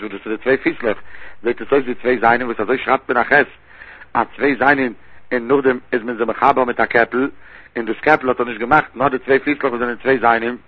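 A man's voice: mid-range voice, husky, no room sound. A man teaching a Talmud lesson in a chanting study singsong, explaining each term. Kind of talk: Yiddish-style Talmud lesson. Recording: dry, tinny phone-like recording.

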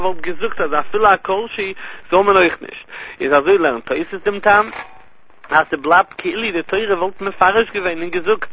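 Man giving a Yiddish-accented Talmud lesson. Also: a little high. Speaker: Talmud teacher. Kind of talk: Talmudic lecture. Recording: tinny lo-fi phone-line audio.

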